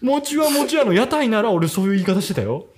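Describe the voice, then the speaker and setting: Lively Kansai man in casual chat. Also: high voice, a little fast, a crowd in the background. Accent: Kansai dialect. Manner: animated, laughs often, repeats himself. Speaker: podcast co-host.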